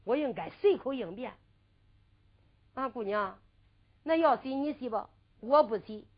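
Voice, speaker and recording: A woman's voice: a little high, lively intonation, unhurried. A woman storyteller voicing a sly young man disguised as a maid, who mutters asides and stubbornly refuses in a whining tone. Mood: scheming mutter. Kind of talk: traditional storytelling with sung ballad. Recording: lo-fi dull recording.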